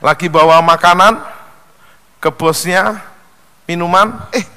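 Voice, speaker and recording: A man's voice: high voice, measured pace, clear, resonant tone. A man preaching a sermon, telling jokes with acted-out voices and leading the congregation in call-and-response. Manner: animated joke-telling, acts out voices. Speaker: pastor. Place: large church hall. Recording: long hall reverb.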